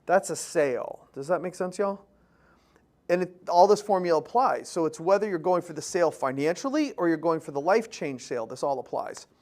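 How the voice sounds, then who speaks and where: Male speaking coach on stage, lively storyteller with a high voice, quizzes the crowd, acts out dialogue. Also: a little fast. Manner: energetic storyteller, asks the audience questions; punchy short phrases, acts out quoted dialogue. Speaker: public speaking and sales trainer. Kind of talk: motivational seminar talk to a live audience.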